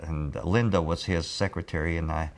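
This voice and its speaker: An older man who used to work as a TV audio engineer tells a rambling story, with lots of filler pauses. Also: low voice, steady tone. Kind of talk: oral-history storytelling.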